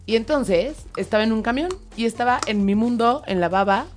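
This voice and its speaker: A woman hosts a relaxed conversation, telling anecdotes with lively animation. She laughs easily between lines. Faint music runs beneath her voice. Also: a little high, fairly quick. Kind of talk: casual storytelling chat.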